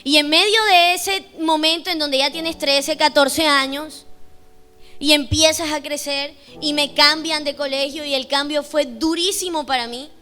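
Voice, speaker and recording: Young female preacher, emphatic testimony sermon, high bright voice. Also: fairly even intonation, unhurried. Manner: emphatic, preaching with rising intensity. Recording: faint music behind the voice.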